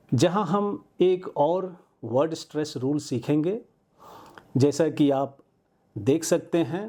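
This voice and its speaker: Mellow, measured male presenter. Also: a little high, slightly rough. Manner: measured, formal recitation. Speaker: program presenter. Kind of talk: scripted spiritual-educational narration.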